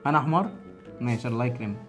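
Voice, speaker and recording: A man's voice: mid-range voice, expressive, racing. A young man with an Egyptian Arabic accent, bantering casually and playfully as a partner in a game. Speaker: partner in a word-guessing challenge. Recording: music clearly playing behind the voice.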